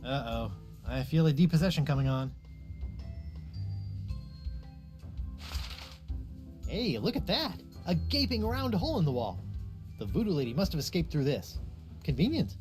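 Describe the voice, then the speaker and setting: A man's voice: a little high, very animated, a little fast, darkish tone. A young pirate hero for a comedic video game. He is quippy and naive, with a theatrical, very mobile delivery. Music plays behind his chatty wisecracks. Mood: wry, grossed out.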